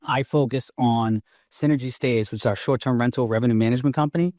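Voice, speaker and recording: He talks quickly and steadily in a mid-range voice that's a touch mellow, recounting personal anecdotes as a guest on a podcast. A real estate investor in his forties from Brockton, Massachusetts, he has a faint Boston accent. The studio recording has no room sound.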